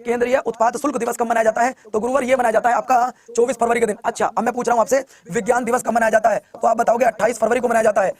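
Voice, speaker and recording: A man with a strikingly high voice teaches a live online exam class at a breakneck clip. He rattles off each question several times and keeps coaxing his students to answer quickly. His carries a flavor. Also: flat delivery. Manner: rapid, repeats questions, coaxes students to answer.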